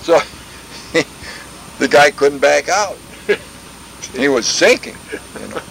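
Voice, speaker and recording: An older veteran telling war stories in a rambling, folksy way, full of restarts and sound effects. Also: male voice, fairly high pitch, animated, slow, vocal fry, fairly bright tone, a little hiss or hum, poor audio. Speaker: veteran interviewee. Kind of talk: oral history war reminiscence.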